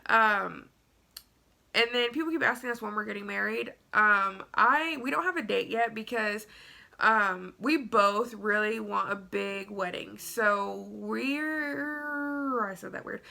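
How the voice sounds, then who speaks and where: Young woman vlogger, stuffy nose, gravelly fry, rambling casual story time. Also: medium pitch, measured pace, pushed and bright. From Tennessee. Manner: chatty, rambling with many fillers.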